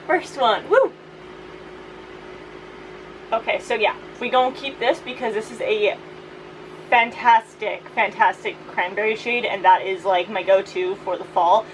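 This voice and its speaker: A woman's voice: mid-range voice, unhurried, long pauses. A woman vlogger chatting casually and playfully about her things in informal, slangy language, with a fan running as she talks. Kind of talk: casual beauty declutter chat. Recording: steady fan noise behind voice.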